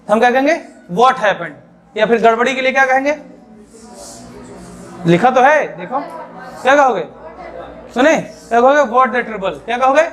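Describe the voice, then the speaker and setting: A man with a very high voice teaches a spoken-English class. He explains in Hindi and keeps asking the students the same question to drill them. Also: fairly bright tone.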